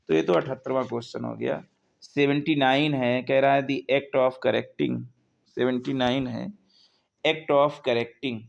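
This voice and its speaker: A man teaching English for exams, reading definitions slowly, explaining in Hindi and spelling words letter by letter. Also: mid-range voice, vocal fry. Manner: repeats questions and answers to drill them. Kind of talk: exam-prep lecture.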